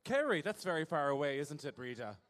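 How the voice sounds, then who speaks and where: The male host of this live show has a highish, slightly bright voice with big pitch swings and a brisk pace. He teases the crowd playfully and campily through a handheld microphone in an echoey, large hall.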